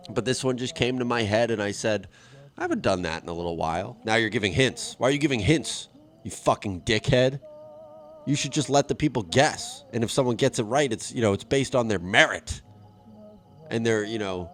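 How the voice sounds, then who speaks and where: A man hosting a comedy podcast from home, riffing in a rambling, profane monologue. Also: on the low side. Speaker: podcast host.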